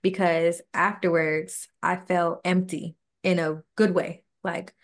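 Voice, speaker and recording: A woman in her 20s co-hosts a podcast and tells a personal story slowly in a lowish voice. She speaks casually and earnestly, animatedly acting out the dialogue in quotes.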